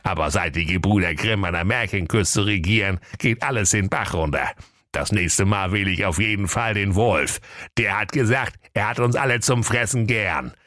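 A man's voice: fairly low pitch, normal speed, fairly bright tone, no room sound, studio quality, lightly acted. A man voicing a cocky, naive young male web designer as the hero of a comic fairy tale. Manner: boastful, cheeky.

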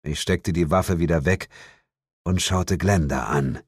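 A man's voice: low-pitched, a little slow, husky, dry recording. A man narrating a first-person story as an audiobook, with dry, wry storytelling.

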